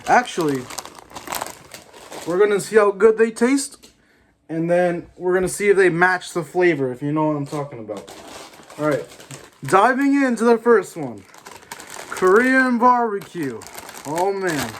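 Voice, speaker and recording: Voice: mid-range voice, big pitch swings, a little slow, pauses often. Casual, rambling snack reviewer with background noise. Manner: informal, rambling, addresses viewers directly. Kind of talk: casual chat food review to camera.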